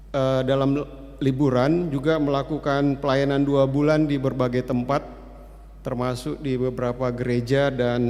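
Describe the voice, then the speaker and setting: A man of about sixty giving church announcements in a relaxed, chatty way, with many hesitant fillers. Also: medium pitch. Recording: long reverb of a church hall.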